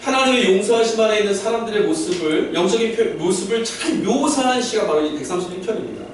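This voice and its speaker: Speaking fast with lively intonation, a high-voiced pastor explains things and questions his mixed-age congregation during a sermon. The sound comes from a distant mic in a highly reverberant church sanctuary, with slight noise behind him.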